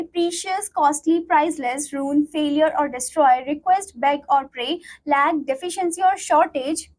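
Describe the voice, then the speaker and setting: A woman teacher reading word lists to students, speaking slowly and explaining quickly in Hindi. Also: high voice, poor audio. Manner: slow deliberate English, quick Hindi explanations.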